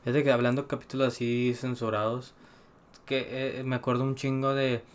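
A young Mexican man co-hosting a laid-back chat. He banters easily and throws in plenty of slang, his voice sitting at a middle pitch. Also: little pitch movement, normal speed. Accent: Mexican Spanish. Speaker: podcast co-host. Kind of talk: casual chat.

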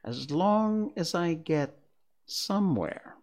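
A polite, curious little girl, played by a male reader asks careful, prim questions. Her voice sits well above his own and rises in wide turns. She speaks slowly and a little timidly. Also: a little high, animated, darkish tone, pitched above the performer's own voice. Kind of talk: storybook reading.

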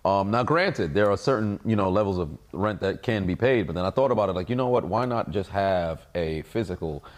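A man's voice: deep voice, fairly quick. A man co-hosting a podcast, talking in a casual, conversational style. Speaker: podcast co-host. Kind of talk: casual chat.

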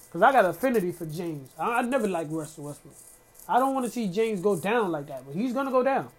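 A man hosting a casual solo podcast, ranting in a heated, profane way with lots of slang and fillers. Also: sits high. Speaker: podcast host.

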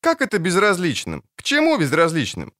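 A man's voice: high-pitched, huge pitch swings, brisk, a bit bright, voice pushed up, exaggerated voice. A man voicing a cheeky young girl in an audiobook, pert and teasing. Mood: curious. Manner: pert, sing-song teasing. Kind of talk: audiobook character voice.

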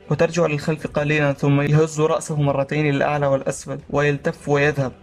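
Brief: male narrator, fast, even delivery, slightly high voice, faint music behind. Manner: rapid, even reading. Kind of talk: scripted story narration.

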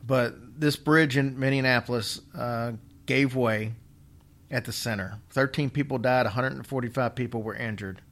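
A man's voice: medium pitch, normal speed, fairly bright tone. A man hosting a casual storytelling show, wry and joking, with a slight slur and the odd whistle or lip smack from a half-numb mouth. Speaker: podcast host.

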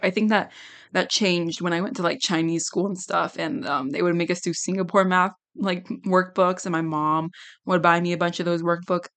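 A young adult woman hosting a casual solo podcast, giggly and rambling, with a slightly hoarse, worn-out voice. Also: on the low side, fairly even intonation, normal speed, fairly bright tone. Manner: giggly, rambling, self-deprecating. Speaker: podcast host.

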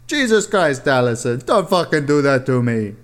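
Man plays frantic drunk cop, high and loud, swearing. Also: expressive, normal speed, lightly acted. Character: loud profane hard-drinking male cop.

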